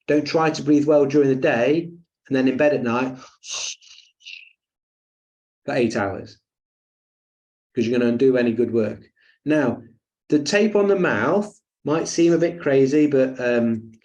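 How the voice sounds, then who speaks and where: A man's voice: mid-range voice, a little mellow. A man teaching a breathing webinar in a chatty, jokey way with lots of fillers and asides. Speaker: breathing coach.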